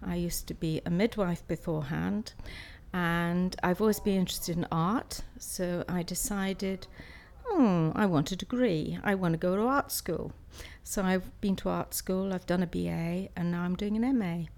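Older woman, lowish voice. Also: moderate pace, gravelly, darkish tone. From Swansea, South Wales. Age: 60s. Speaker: interviewee, art student and practising artist. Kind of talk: interview answers, conversational.

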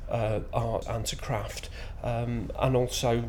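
A fifty-year-old man with a Shetland accent, giving spontaneous interview answers in a hesitant, halting way with frequent pauses. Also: mid-range voice, little pitch movement, a little mellow. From Shetland, Scotland. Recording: clear background ambient noise.

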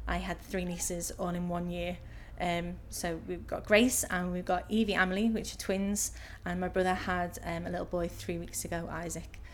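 A woman in her thirties with a Liverpool accent gives casual interview answers, pausing often with ums. Her voice sits a little low. Faint noise hums behind her. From Liverpool, England. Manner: hesitant, many filler ums.

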